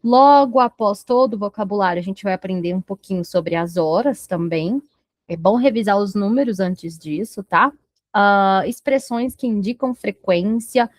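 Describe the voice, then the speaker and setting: A woman with a Brazilian Portuguese accent teaching an English lesson, switching between Portuguese and English and slowing down to model each word. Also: mid-range voice, dry recording, clean studio sound. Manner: slow, careful modeling of English pronunciation. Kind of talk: bilingual language lesson.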